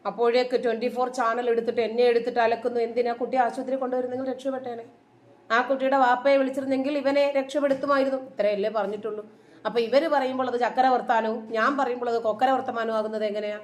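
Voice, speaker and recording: A woman delivers opinionated commentary in a high, piercing voice. She is combative and sarcastic, pressing each point with emphasis. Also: flat delivery, quick pace.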